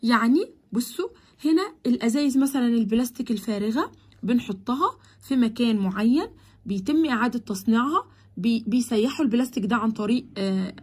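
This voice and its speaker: A woman with an Egyptian Arabic accent explains a children's English lesson in a high, breathy voice. She draws the English words out slowly and then explains them quickly in Arabic. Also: darkish tone. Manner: switches between Arabic explanation and slow, drawn-out English words. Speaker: English teacher.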